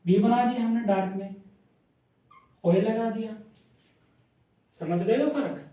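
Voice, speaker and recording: High-voiced man teaching in an echoey room. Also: unhurried. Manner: repeats sounds aloud while drawing strokes. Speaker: shorthand teacher. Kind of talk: classroom lesson. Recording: echoey room from a distant mic, dull.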